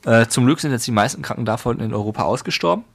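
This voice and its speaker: A man's voice: medium pitch, expressive, quick pace, creaky, breathy edge. A man co-hosting a podcast, chatting casually and explaining facts, sometimes stumbling over words. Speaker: podcast co-host. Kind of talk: casual chat.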